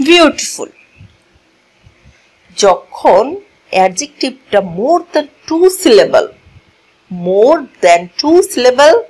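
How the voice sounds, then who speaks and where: Woman teacher, fairly high voice, slow deliberate classroom delivery, repeats words, quizzes the class. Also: poor audio. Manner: switches between languages mid-lesson. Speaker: English teacher. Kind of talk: classroom grammar lesson. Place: classroom with a board.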